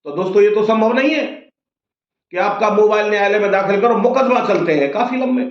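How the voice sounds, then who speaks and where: A man with a high voice speaks briskly, giving viewers an informal explainer on the law. He is an advocate, and he teaches by asking questions and answering them himself. The recording sounds dull and roomy, with an echo.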